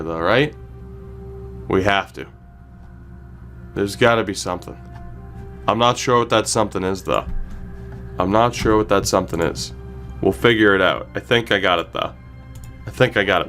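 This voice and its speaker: Talking to viewers on a video game livestream, a mid-range-voiced man gives animated commentary, repeating phrases to drive points home.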